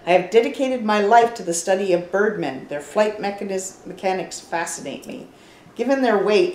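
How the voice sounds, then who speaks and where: An older woman voicing an excitable, fussy male researcher obsessed with birdmen, reading game dialogue aloud in a lively, theatrical way. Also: medium pitch, lightly acted. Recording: roomy echo.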